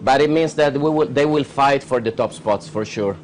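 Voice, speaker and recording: A man's voice: mid-range voice, moderate pace. A man co-commentating a boat race, explaining technical points at length with many hesitations. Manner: explanatory, many uh fillers, non-native phrasing. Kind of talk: live sports commentary.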